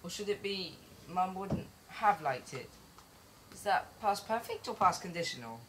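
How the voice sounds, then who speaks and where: A woman's voice: on the low side, animated, moderate pace, fairly bright tone, a little hiss or hum. A woman playing a prim, nervous younger sibling in a boat who talks in a prissy, pedantic way. She performs on an outdoor garden stage.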